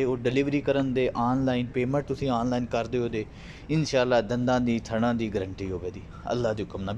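A man with a mid-pitched voice talks casually into a phone camera out on an open farm field. His sales patter is friendly and repetitive, and he keeps turning to address his viewers as friends. Faint outdoor ambience sits behind him. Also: a little mellow, slight background noise. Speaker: livestock sales vlogger.

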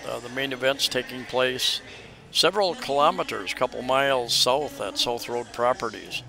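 A man's voice: medium pitch, moderate pace, gravelly, soft background music. A man narrating a casual walking tour outdoors, rambling with many hesitations and restarts, recorded on a camera mic as he walks. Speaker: travel vlogger. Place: outdoors on a crowded city street during a festival. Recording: loud street crowd around.

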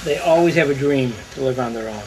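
A woman's voice: a bass voice, fast talker, noisy background. A woman speaking frankly in a documentary interview.

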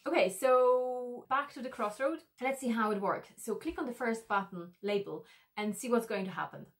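Her voice a little high, a female e-learning designer explains a tool to camera, measured and careful with frequent "uh" fillers. The setting is a small, decorated indoor studio room, and she's framed at her desk in a mid shot.

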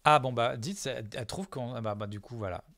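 A man's voice: mid-range voice, quick pace, fairly bright tone, no room sound, clean studio sound. A man casually commenting live on his own video, hesitant with lots of fillers and self-mocking jokes.

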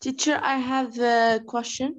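A woman's voice: a little high, steady tone, drawn-out words. A woman student with a Moroccan Arabic accent asking her teacher a question over a video call, hesitant, mixing in English words.

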